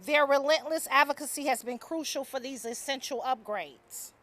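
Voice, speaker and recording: A woman's voice: high voice, normal speed, fairly bright tone. A woman who is a county commissioner, giving a formal speech at an outdoor ceremony podium with projected, emphatic delivery. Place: outdoor ribbon-cutting ceremony.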